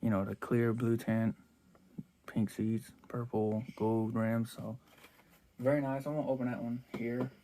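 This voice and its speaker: A man's voice: mid-range voice, little pitch movement, unhurried, dark tone, a little hiss or hum. A man chatting casually as he unboxes toy cars for his vlog, rambling and restarting his sentences a lot. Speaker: toy car collector vlogger.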